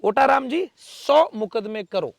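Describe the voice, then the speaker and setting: A man giving forceful, defiant answers in an interview as a local political figure, with emphatic rhetorical speech. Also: extremely high pitch, expressive, takes it slowly, creaky, no room sound, clean studio sound.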